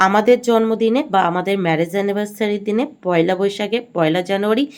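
Gentle middle-aged Bengali woman explaining. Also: medium pitch. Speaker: home vlogger. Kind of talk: voice-over explaining a home ritual.

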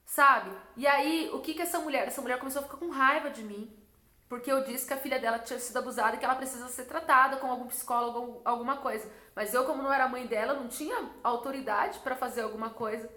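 Speaking Brazilian Portuguese at a quick pace, a young woman vlogger from Brazil shares a deeply emotional religious experience of her own, returning to the same words again and again. Her high voice sounds pushed and bright, and the room has an echo.

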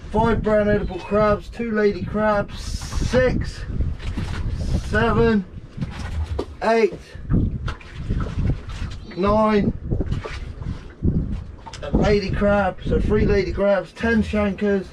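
Young guy talking to his camera on a boat, high voice, loud wind and engine roar. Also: fairly even intonation, drawn-out words, pauses often. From Guernsey. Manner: chatty, counting the catch aloud to viewers. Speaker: fishing vlogger. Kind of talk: casual narration while working. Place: small open boat at sea, outdoors. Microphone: action camera on the boat. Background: wind, water and boat engine.

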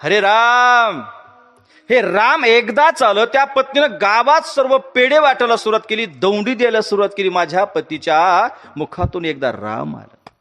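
A man preaching a devotional sermon and telling a story, swinging between loud exhortations and soft asides to his audience. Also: sits high, moderate pace.

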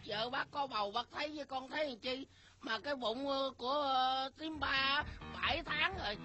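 A woman's voice: sits high, normal speed, bright, forceful tone, faint music behind. A woman playing a cheeky young nephew talking back in a comic folk-opera skit. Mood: cheeky backtalk. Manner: cheeky, backtalking.

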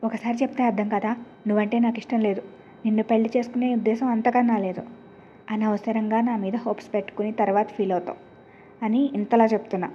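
A woman's voice: mid-range voice, fairly even intonation, moderate pace, lo-fi sound, slight background noise, close to an everyday voice. A woman voicing an angry young man who scolds and sharply turns away a cousin who keeps chasing him. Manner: stern, scolding, sharp retorts.

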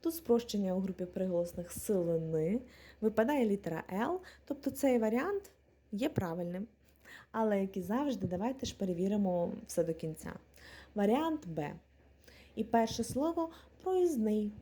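Soft husky-voiced woman teaching. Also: medium pitch, animated. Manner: clear, deliberate, spells out letters and example words one by one. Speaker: Ukrainian language teacher. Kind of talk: exam-prep lesson, explaining rules with word examples.

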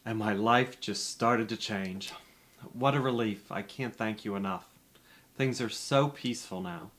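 A man's voice: on the low side, a little slow, a bit bright. A middle-aged man playing an earnest, grateful guest giving a confessional testimonial in a scripted parody infomercial. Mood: grateful, relieved.

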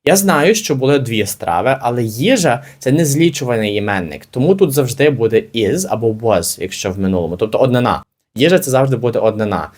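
A man teaching an English lesson, explaining phrases slowly and repeating them carefully for learners. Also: mid-range voice, animated.

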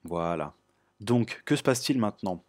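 A man hosting a computer tutorial, explaining step by step in a relaxed way with frequent filler sounds. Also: lowish voice, normal speed, no echo. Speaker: tutorial host. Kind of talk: screen-recorded tech tutorial.

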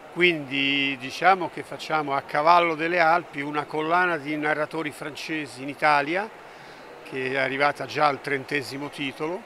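An older man speaks into a handheld microphone at a busy book fair stand. His voice sits a little high for a man, and he explains things in a measured way, pausing on fillers. Loud hall noise surrounds him. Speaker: publisher. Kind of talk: trade fair interview. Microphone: handheld mic held by interviewer. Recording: noisy fair hall ambience.

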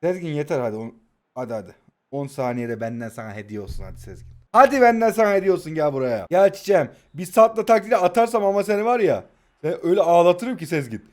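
A man, giving playful, taunting commentary over a mobile football game and bursting into excited play-by-play. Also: fairly high pitch, quick pace. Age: 20s. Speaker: mobile football gaming YouTuber. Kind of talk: live gameplay commentary, teasing opponent.

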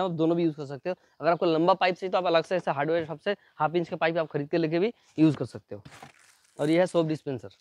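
A man doing a fast, chatty unboxing demo, pointing things out again and again as he shows each part. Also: fairly high pitch, darkish tone, dry recording. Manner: fast, chatty, repeats "ye dekho" constantly. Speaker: product reviewer. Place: at home near a building site.

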